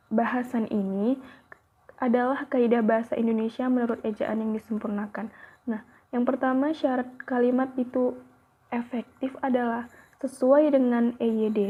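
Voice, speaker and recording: A young woman, a university student, reads a grammar lesson aloud with a fairly high, slightly breathy voice. She is careful and evenly paced, though she makes small slips, and the audio sounds tinny, like a phone.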